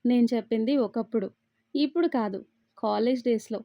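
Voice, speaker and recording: A woman's voice: fairly high pitch, moderate pace, no room sound, muffled recording, lightly acted. A woman voicing a playful, reassuring young woman in a storybook reading. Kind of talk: storybook read-aloud.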